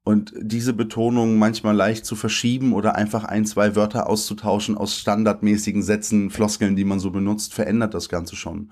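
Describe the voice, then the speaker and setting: A man who is a poet, talking thoughtfully about his writing in an interview, with some halting restarts. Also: fairly low pitch, level tone, darkish tone. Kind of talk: conversational interview, then poetry reading.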